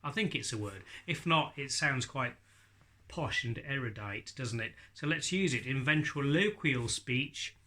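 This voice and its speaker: Man, forties, bright crisp-edged tone, mid pitch, informal instructional delivery. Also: lively intonation, a little slow. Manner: explanatory, demonstrating isolated speech sounds. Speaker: ventriloquism teacher. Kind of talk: informal spoken tutorial. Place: living room with bookshelves and leather sofa.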